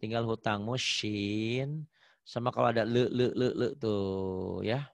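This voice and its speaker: A man from Indonesia teaches Quran reading in a one-on-one online lesson. He speaks slowly and patiently, correcting each sound and sounding out verses at a drawn-out pace. His voice is dry, with no room echo. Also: fairly low pitch, steady tone, creaky. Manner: patient, corrects often, models slow drawn-out recitation. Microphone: online call.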